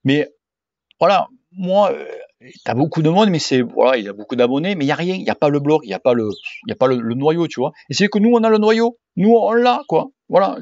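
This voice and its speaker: A man's voice: fairly high pitch, a little mellow, no room sound. A man in his forties with a regional French accent, answering viewer questions in a casual vlog, blunt and slangy and swearing freely. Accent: French, southern regional. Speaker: cycling YouTuber and sports coach. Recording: dull dry home recording.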